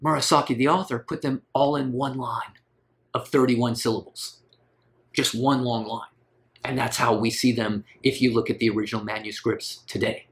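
A man's voice: mid-range voice, fairly even intonation, moderate pace, fairly bright tone. A man giving a recorded literature lecture, asking rhetorical questions and rising on emphatic words.

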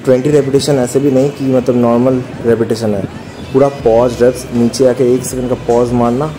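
Here a casual young fitness vlogger offers gym tips in a flat, medium-pitched voice, talking a little fast and calling his viewers brothers in an instructive way. A camera on a stand a few steps back picks him up in a small indoor gym, where echo, music, and background noise fill the room.

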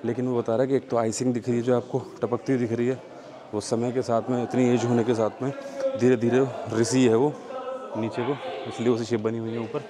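A man's voice: medium pitch, little pitch movement, brisk. A man filming a casual travel vlog as he walks a tourist cave, chatting and pointing things out to his viewers. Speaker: travel vlogger. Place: inside a busy tourist cave. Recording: crowd chatter behind. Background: crowd of tourists.

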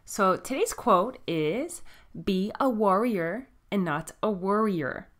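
A woman's voice: mid-range voice, expressive, slow, fairly bright tone. A woman with a Miami American accent hosting a solo podcast, explaining things plainly in a scripted but conversational way. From Miami, United States. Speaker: podcast host.

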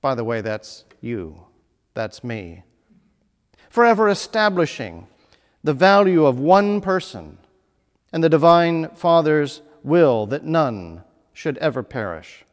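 Man in his thirties, priest, slightly high voice, animated sermon delivery, echoing church hall. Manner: measured, lively preaching with emphatic phrasing. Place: small church chapel with stone wall. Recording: long reverb of a church hall.

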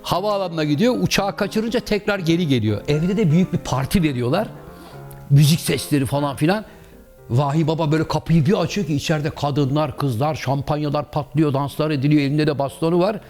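A man telling comic anecdotes in a lively way, acting out the other people's voices. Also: a little high, fairly quick, soft background music. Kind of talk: comic storytelling.

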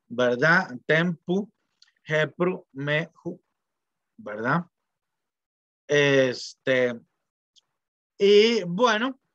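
A man's voice: a little high, a bit bright, dry recording. A middle-aged man, lecturing in a loose, digressive way with frequent tag questions and fillers. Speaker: professor. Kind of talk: informal university lecture. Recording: dull, dry lo-fi lecture audio.

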